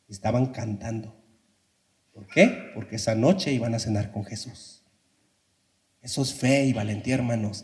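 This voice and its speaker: A man's voice: medium pitch, a bit bright. A male pastor preaching an impassioned sermon in a church, often addressing the congregation. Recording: echoey church hall reverb.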